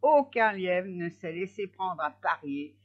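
A woman reading a fairy tale aloud in an expressive way, slowing down for effect. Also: fairly low pitch. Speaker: storyteller. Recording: slightly dull lo-fi recording.

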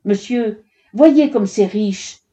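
Brief: woman doing a patient old herbalist aunt, slow and reasoning, mellow and slightly muffled. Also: medium pitch, natural voice. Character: old village herb-gathering aunt, reasoning calmly.

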